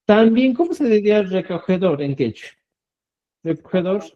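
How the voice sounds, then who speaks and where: A man's voice: high voice, big pitch swings, moderate pace, muffled recording. A man teaching a Quechua lesson, repeating words and checking in with his students. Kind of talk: online language lesson.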